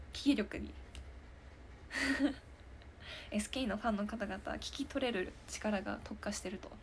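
A woman's voice: fairly high pitch, creaky, slight background noise. A young woman in her twenties hosting a stream, chatting casually and giggling as she answers viewer comments. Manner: giggly and chatty, often laughing. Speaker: idol hosting a live stream talk show.

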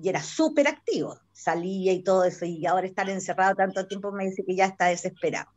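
A woman's voice: mid-range voice, fast, a little mellow, highs cut off. A woman on a video call, telling a conversational anecdote. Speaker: workshop participant.

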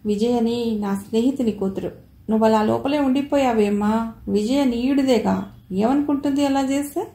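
A woman reading the part of a kindly, nostalgic elderly man who speaks fondly and gently, in a roomy-sounding recording. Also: fairly high pitch, moderate pace, close to an everyday voice. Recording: roomy echo.

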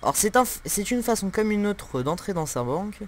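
A man's voice: sits high, very animated, a little fast, a little hiss or hum. A young man giving joking, crude let's-play commentary at home, with lots of fillers and laughter into a desktop mic. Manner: joking, giggly, crude humor, many fillers. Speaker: gameplay commentator.

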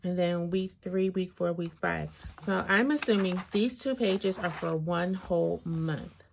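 The audio quality is poor, with noticeable background noise and clicks, as a woman with a lowish, vocal-fry voice speaks at a measured pace. She reviews planners as a video host, and her braces slightly impede her speech during a casual, chatty walkthrough where she thinks aloud and reads items out. Only her hands appear, filmed from overhead at an indoor tabletop.

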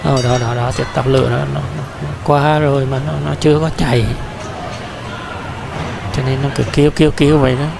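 A man's voice: mid-range voice, flat delivery, a little fast, creaky, background noise. A man giving casual walking-tour commentary through a large indoor amusement park, chatty, talking straight to his viewers with many fillers and restarts.

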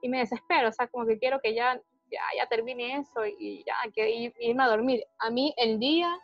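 A woman giving a personal testimony in a conversation, speaking hesitantly with many pauses and restarts. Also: on the high side, steady tone, dry recording, dull audio, faint music behind. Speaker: interviewee describing her panic attacks.

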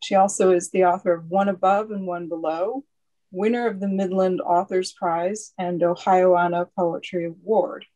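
A woman's voice: lowish voice, steady tone, moderate pace, warm tone, low-quality recording. Friendly woman introducing a poet. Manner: friendly, with frequent uh fillers. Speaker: host of a poetry reading. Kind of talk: event introduction. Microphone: online video call.

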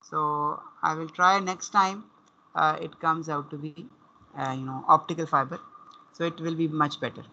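A man's voice: a little high, steady tone, moderate pace, vocal fry, sharp tone, a little hiss or hum. A man with a Pakistani accent explaining as a university lecturer in an online class, repeating and rephrasing as he goes. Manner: repeats and rephrases, switches between English and Urdu. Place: online class over a computer connection. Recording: dull, compressed online call audio.

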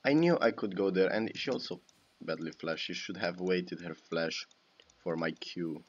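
Recorded in a small home room, this young-adult gaming YouTuber speaks with a Romanian accent, narrating his own gameplay and cursing and exclaiming whenever he misplays. His voice is low-pitched at a moderate pace, and the recording sounds muffled.

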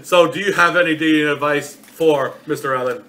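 A man's voice: a little high, fairly quick, background noise. A man hosting a comic call-in show in a bossy, theatrical announcer manner. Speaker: host.

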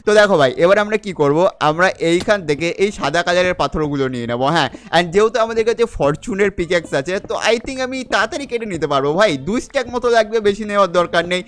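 A young male gaming host talks quickly in a high, smooth, clear voice. He gives chatty commentary on his survival game and keeps addressing the viewer as a friend. He slips English words in and out of his sentences as he plays. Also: a bit bright. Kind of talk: casual gameplay commentary.

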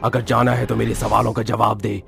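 A man's voice: on the low side, little pitch movement, a little fast, gravelly, fairly bright tone. A man voicing a stern male sorcerer in a cartoon, in a commanding, scornful tone.

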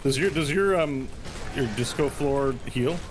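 A man chatting while playing a team game, making quick practical callouts to teammates. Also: medium pitch. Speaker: gaming podcast panelist playing a team game. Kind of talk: casual gaming chat. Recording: noisy voice chat line.

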